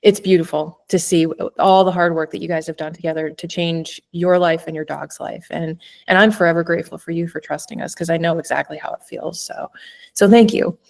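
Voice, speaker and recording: A woman host thanking her guest, emotional and close to tears, speaking in a heartfelt way with halting restarts. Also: lowish voice, steady tone, creaky, darkish tone. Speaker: host, dog trainer. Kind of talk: closing remarks of an interview.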